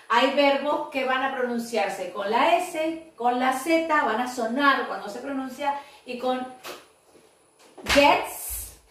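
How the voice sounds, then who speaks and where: Slow-spoken teacher woman, echoey room. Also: sits high, fairly bright tone, a little hiss or hum. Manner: slow, drawn-out model phrases mixing Spanish and English. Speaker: English teacher. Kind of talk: video lesson for children. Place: classroom with whiteboard. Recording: very echoey room, far from mic.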